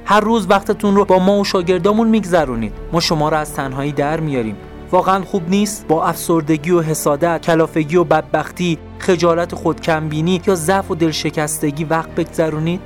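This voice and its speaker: A man's voice: fairly high pitch, faint music behind, close to an everyday voice. A man voicing Despair, a scheming male general who coaxes his enemies with falsely caring promises, in a narrated audio story. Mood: coaxing. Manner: coaxing, falsely caring persuasion.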